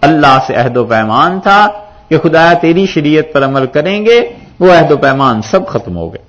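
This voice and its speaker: A man's voice: a little high, moderate pace. A male preacher giving a sermon, quoting scripture verses and explaining them with rhetorical questions. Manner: lively, rhetorical, quotes Arabic verses then explains. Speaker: mufti preacher. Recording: dull lo-fi recording.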